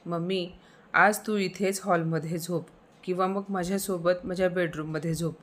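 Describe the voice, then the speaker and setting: A nervous young married woman, as a woman narrator plays her in a storybook tale. She sounds worried and pleading, her lowish voice lifted a little above the narration. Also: steady tone, moderate pace, lightly acted. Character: anxious young married daughter.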